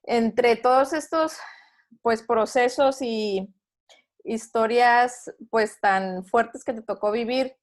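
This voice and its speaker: A woman's voice: a little high, slow. A woman with a Mexican Spanish accent moderating an online women's meeting, asking questions with hesitant fillers. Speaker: host of women's talk.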